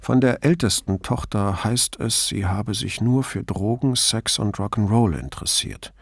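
Guy doing a dry wry female cop in an audiobook, lowish voice, reporting facts. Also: a little slow, breathy edge, no room sound. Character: female police commissioner, dry and matter-of-fact.

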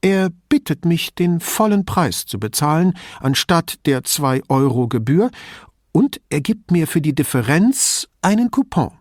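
A man's voice: sing-song, a little slow, dry recording, clean studio sound. A man playing a chatty frail old widow. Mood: confiding. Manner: rambling, confidential, lowers voice to a whisper.

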